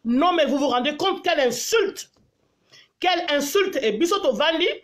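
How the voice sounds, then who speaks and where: Angry high-voiced Congolese woman vlogger. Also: expressive, moderate pace. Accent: Congolese French. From Congo (DRC). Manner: angry, repetitive pleading to share. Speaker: diaspora vlogger. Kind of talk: live stream rant.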